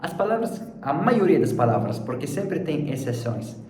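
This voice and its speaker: Man, French teacher, language lesson, repeats words, slightly high voice, faint background noise. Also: big pitch swings, a little mellow. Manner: slow, deliberate, repeats words for the learner. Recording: echoey room, distant mic, faint background noise.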